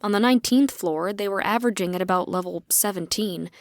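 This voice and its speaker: A woman narrating a dark fantasy audiobook in first person, with even, wry storytelling. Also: mid-range voice, brisk. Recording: dry.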